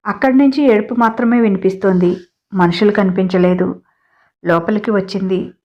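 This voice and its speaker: A woman narrates a family story in a steady storytelling voice, turning now and then to chat with listeners. Her pitch sits mid-range for a woman. The home recording is lo-fi and dull. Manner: even, steady reading with chatty personal asides.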